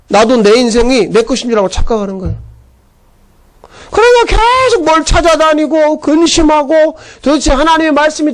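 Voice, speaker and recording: Pastor guy preaching, really high voice for a man, gets super animated acting stuff out. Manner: animated storytelling with acted outbursts. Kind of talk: sermon.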